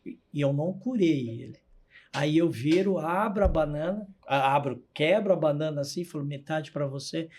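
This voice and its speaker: A man's voice: on the high side, lively intonation, moderate pace, a little mellow. A man telling a story as a podcast guest, a hospital clown who acts out the people in his stories.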